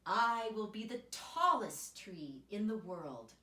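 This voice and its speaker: A woman's voice: mid-range voice, animated, slow, bright, forceful tone. A woman voicing a devout, determined young female tree in a storybook, earnest and emphatic, with room echo around her. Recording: roomy echo, distant microphone.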